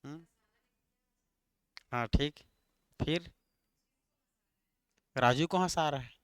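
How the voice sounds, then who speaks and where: A man with a high, smooth voice teaches a grammar lesson for exam prep. He speaks slowly and keeps quizzing his students, repeating each word. The sound is close and dry. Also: fairly bright tone, dry recording. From Chhattisgarh, India. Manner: repetitive, quizzing students with questions.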